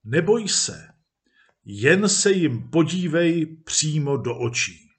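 Male reader as a gentle, reassuring teacher in a storybook reading, calm and unhurried. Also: on the high side.

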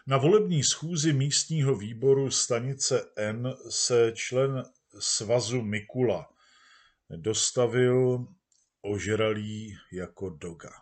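A man reading a satirical short story aloud in a measured, dry storytelling manner. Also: medium pitch. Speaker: narrator.

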